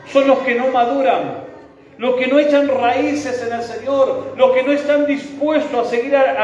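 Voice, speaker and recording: A man with a Rioplatense Spanish accent, a pastor preaching a sermon and leading his congregation in call-and-response. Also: very high voice. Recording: echoey hall, dull sound.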